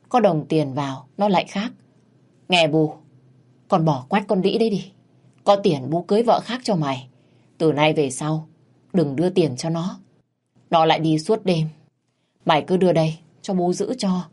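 A woman voicing a spiteful, scheming old village mother-in-law who wails and scolds in a shrill voice. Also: a little mellow, slightly rough. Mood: coaxing.

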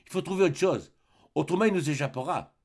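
A man's voice: fairly high pitch, fast, creaky, a little mellow, breathy edge. A male audiobook reader voicing an anxious, practical female housekeeper. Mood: worried.

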